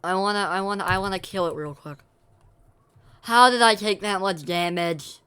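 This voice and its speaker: Talking to his chat between game reactions, this young streamer rambles and corrects himself in casual live-stream banter. His voice is high, bright and pushed, yet smooth, at a moderate pace.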